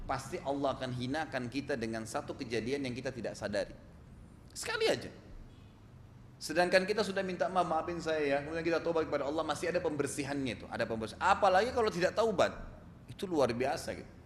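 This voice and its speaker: A man's voice: a little high, slight background noise. Man preaching in an echoey hall. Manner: animated, rhetorical questions to the audience. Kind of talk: storytelling sermon. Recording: echoey hall, faint ambience.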